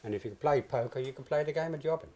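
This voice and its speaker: Older British male interviewee, soft mellow tone, hesitant conversational recollection with emphatic repeats. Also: mid-range voice, rapid-fire. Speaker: interviewee, retired stock jobber. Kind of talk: reminiscing in an oral history interview.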